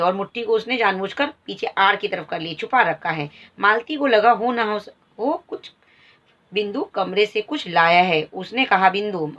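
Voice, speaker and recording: A woman's voice: medium pitch, a bit bright. A woman Hindi teacher explaining a textbook story, reading a line and then re-explaining it in plain words, on a slightly dull recording.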